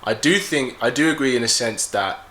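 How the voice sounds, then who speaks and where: Bright-voiced young man debating calmly. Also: medium pitch, low-quality recording. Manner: measured, reasoning aloud, poses questions. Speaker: guest youtuber. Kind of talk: casual debate conversation.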